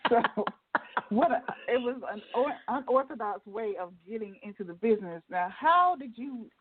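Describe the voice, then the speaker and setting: A woman's voice: a little high, animated, moderate pace, noisy background. A woman co-host asking an interview guest questions on a call, in a curious, conversational way. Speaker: podcast co-host. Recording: phone-line call audio.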